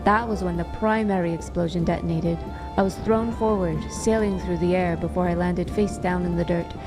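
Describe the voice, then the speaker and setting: A woman reads her own first-person story with a dry, wry wit. Her voice sits fairly low, and soft music plays faintly underneath. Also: steady tone, normal speed. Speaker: author and narrator.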